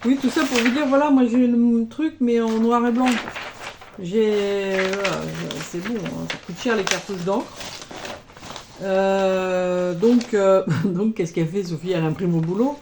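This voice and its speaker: Against a noisy background, a French embroidery vlogger with a mid-range voice shows her projects at a measured pace. Her casual show-and-tell chat is peppered with little interjections.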